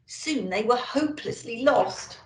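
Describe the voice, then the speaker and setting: Playing a Christmas elf host, a woman with a slightly high, slightly slow voice tells a story to children with lots of expression. Her animated delivery is aimed at the kids, captured with noticeable room echo indoors.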